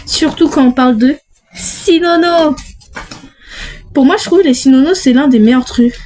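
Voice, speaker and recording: Young woman, high mellow voice, chatty unboxing vlogger who thinks aloud. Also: rough recording. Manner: chatty, self-talking, frequent restarts. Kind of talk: casual unboxing chat.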